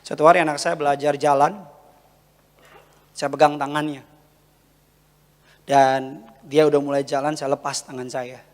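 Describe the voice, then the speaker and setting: A male pastor preaching a Sunday sermon, telling family stories in a lively way. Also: a little high, measured pace, pauses often. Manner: lively storytelling with family anecdotes. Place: large church hall, Sunday service. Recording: long church-hall reverb.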